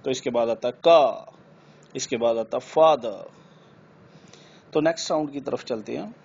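A man teaching a lesson, explaining step by step and saying example words louder and drawn out. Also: mid-range voice, moderate pace, vocal fry, breathy edge. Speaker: English pronunciation teacher. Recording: slightly dull with faint background noise.

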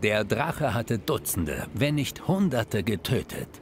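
A man narrating a fantasy game as a storyteller, solemn, dramatic and deliberate. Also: lowish voice, big pitch swings, slight background noise. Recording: music behind the voice.

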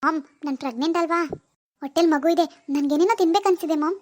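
A grieving young woman in a cartoon drama, voiced by a woman who is convinced her baby is still alive. Her voice sits lower and softer than the others, and she talks in a childlike, dreamy sing-song that turns stubborn. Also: racing. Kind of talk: animated family drama voice acting.

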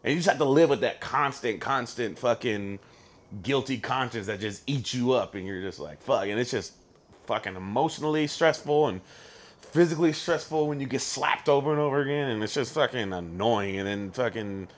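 A man's voice: mid-range voice, normal speed. A young man co-hosting a comedy podcast, telling crude stories in casual chat, full of profanity and acted-out quotes. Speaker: podcast co-host.

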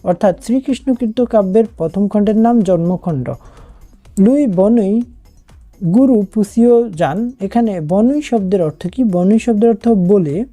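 A woman with a Bangladeshi Bengali accent tutors an exam prep lesson, reading each question aloud and then giving the answer. Her voice is deep, soft and mellow, at a middle pitch. Faint music plays quietly behind her. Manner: reads questions then gives answers, with some restarts.

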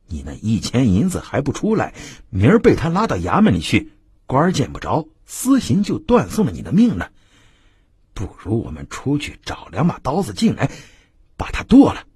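Hot-tempered patron, indignant and blustering, as a male narrator puts him on, husky voice. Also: medium pitch, no echo, clean studio sound, heavily acted.

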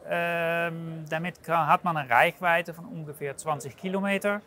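A man's voice: fairly high pitch, fairly even intonation, bright, forceful tone. A man in his forties representing a company, explaining products casually with many hesitations, in a large exhibition hall. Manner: halting, many filler hesitations and restarts.

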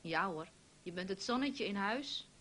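A woman's voice: mid-range voice, expressive, unhurried, a bit bright, slight background noise. A woman voicing a grumpy housewife who snaps and grumbles, reading a children's story. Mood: mollified. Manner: snapping and grumbling. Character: grumpy housewife, snappish, sulky.

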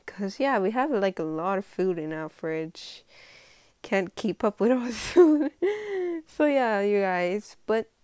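A woman filming a vlog update from her bedroom has the hiccups and chats in a rambling way, leaning on fillers. Her voice is mid-range, animated, and slow, with a darkish yet clean tone.

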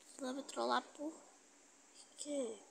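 A woman's voice: high-pitched, steady tone, unhurried, vocal fry, a little hiss or hum. A woman giving chatty gameplay commentary, talking to her viewers and teasing opponents. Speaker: gaming streamer.

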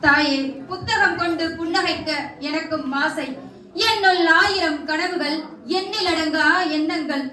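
A young woman who longs to study declaims poetically in a bright, very high voice. The sound is distant and echoey. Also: full character voice. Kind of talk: Tamil street theatre acting. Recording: roomy outdoor stage recording from afar.

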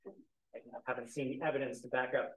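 A man's voice: mid-range voice, little pitch movement, a little fast. A man moderating a university panel, reading speaker bios with light asides and self-deprecating humor. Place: university lecture hall. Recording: echoey lecture hall.

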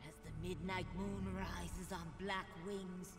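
An actor playing a solemn cult worshipper in a video game, reverently intoning in a reverberant space. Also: male voice, high-pitched, little pitch movement, slow, loud music behind the voice. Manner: reverent incantation. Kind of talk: video game cutscene acting. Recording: long hall reverb, distant.

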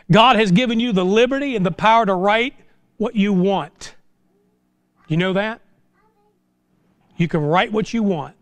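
A middle-aged American pastor, his voice sitting high, preaches a folksy, exhortative sermon thick with rhetorical questions. The setting is a small indoor church sanctuary, though the recording has no room sound.

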